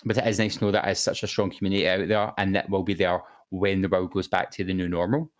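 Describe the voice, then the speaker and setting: A man with a low voice speaks quickly and flatly as he co-hosts a casual podcast. Reading viewer comments from the chat aloud, he sounds hesitant, with lots of fillers, restarts and repeated words.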